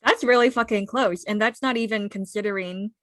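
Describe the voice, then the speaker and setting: An American woman in her twenties co-hosts a podcast, chatting casually in an informal, upbeat way. Her medium-pitched voice is brisk and fairly bright, recorded at studio quality with no echo.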